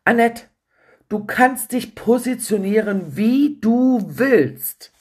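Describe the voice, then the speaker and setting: A woman's voice: lowish voice, very animated, takes it slowly, a little mellow, slightly rough, full character voice. A woman quoting a pushy male marketing adviser. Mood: insistent. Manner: insistent, pressing questions. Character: impatient male marketing expert on phone.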